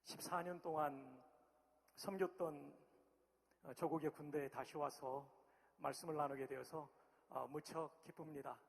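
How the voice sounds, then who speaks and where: Pastor from chungcheong preaching, chatty and friendly, gravelly voice in a big echoey hall. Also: male voice, on the high side, steady tone, measured pace, pauses often. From Chungcheong, Korea. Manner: friendly, chatty, cheering the crowd on. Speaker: pastor, former army chaplain. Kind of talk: sermon. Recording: long hall reverb.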